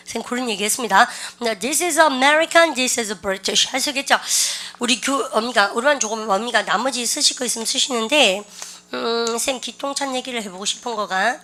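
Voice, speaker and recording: A woman teaching an English vocabulary class, lively and coaxing, constantly asking her students questions and mixing English words into her lecture. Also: on the high side. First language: Korean.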